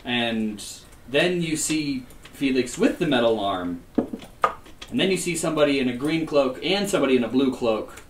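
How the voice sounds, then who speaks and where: A man narrating as game master of a tabletop game, unhurried, with many fillers. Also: mid-range voice, lively intonation, echoey room, distant mic, background noise.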